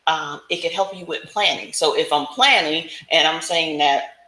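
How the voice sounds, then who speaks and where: A deep, sharp-toned female voice at normal speed belongs to a business coach teaching informally on a livestream. Conversational throughout, she leans on check-in tags like "right?", and the recording carries a roomy echo.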